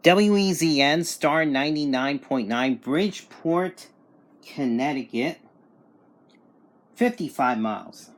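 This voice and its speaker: This man's reception test of a radio has him reading call signs and distances aloud, casual and matter-of-fact as he demonstrates and reviews it. He speaks slowly but animatedly in a fairly high voice.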